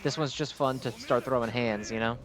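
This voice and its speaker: Brisk and fairly even in intonation, a medium-pitched male voice delivers loose, meandering gameplay commentary, drifting from topic to topic. He hosts gaming videos, and game music sits behind his voice.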